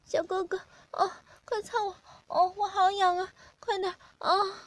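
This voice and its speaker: A woman voicing a young woman lover with a high, breathy pleading voice that breaks into sobs. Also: flat delivery, normal speed, no echo.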